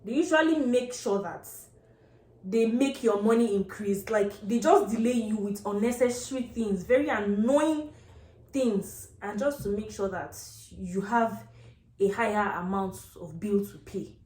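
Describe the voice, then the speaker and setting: A woman's voice: mid-range voice, measured pace, a little mellow. A woman with a Nigerian accent telling a casual story as a rant, exasperated and emphatic, repeating phrases for effect. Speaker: vlogger. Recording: echoey, reverberant room sound.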